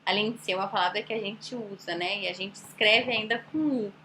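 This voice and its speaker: A woman's voice: mid-range voice, sharp tone, a little hiss or hum. A woman with a Brazilian Portuguese accent teaching an online language lesson, explaining patiently and asking rhetorical questions. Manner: explanatory, with rhetorical questions and slow demonstrations of words. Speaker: Italian teacher.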